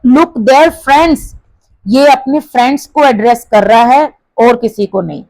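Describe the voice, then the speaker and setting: With an Indian accent and a fairly high voice marked by vocal fry and a darkish tone, a woman teacher walks through a textbook exercise, blending Hindi with English. She reads example sentences slowly, stressing the words, on a rough recording with no echo.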